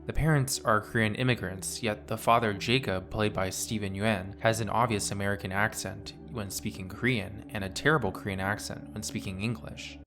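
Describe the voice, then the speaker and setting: A man in his twenties narrating a scripted video essay in a measured, analytical way. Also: fairly low pitch, fairly even intonation, music in the background.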